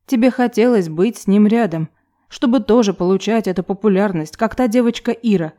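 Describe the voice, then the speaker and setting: A woman's voice: medium pitch, mellow, lightly acted. A woman voicing a grown woman who harshly scolds her younger self in an audiobook. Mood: stern. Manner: harsh, reproachful lecturing. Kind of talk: audiobook character reading.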